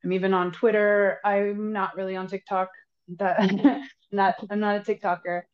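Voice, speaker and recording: A woman's voice: medium pitch, flat delivery, normal speed, lo-fi sound. A woman herbalist guest on a podcast, giving earnest advice and often repeating words as she thinks. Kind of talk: casual podcast interview.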